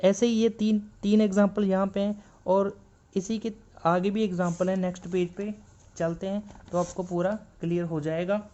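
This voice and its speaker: A man teaching shorthand in a classroom style, patiently repeating each point and reading textbook lines slowly. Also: high-pitched, level tone, warm tone, lo-fi sound. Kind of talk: classroom explanation.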